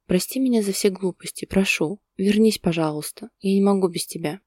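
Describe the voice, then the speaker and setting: A woman's voice: mid-range voice, fairly quick, dry recording, clean studio sound, natural voice. A woman voicing a desperate young man pleading. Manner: quiet, pleading. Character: desperate young man begging his love back.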